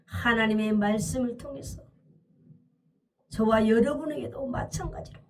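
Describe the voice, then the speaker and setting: A woman's voice: a little high, unhurried, recorded from a distance. A woman preacher telling a scripture story as a dramatic, emphatic sermon, often crying out hallelujah.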